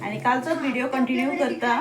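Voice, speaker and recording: A woman's voice: high-pitched, fast talker. A woman with a Goan Konkani accent, chatting to viewers about her day and family in a homely vlog. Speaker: vlogger, mother. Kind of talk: casual chat to camera.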